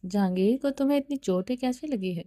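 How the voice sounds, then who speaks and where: A woman's voice: a little high, mellow, no room sound, natural voice. A woman reading the part of an insistent young wife who presses hard with questions, firmly.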